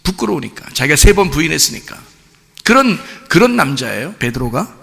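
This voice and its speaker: A man's voice: fairly high pitch, sing-song, brisk, gravelly, sharp tone. A man preaching a Sunday sermon in a church, asking the congregation questions and acting out the quoted lines. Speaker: pastor. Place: church sanctuary. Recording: church hall reverb.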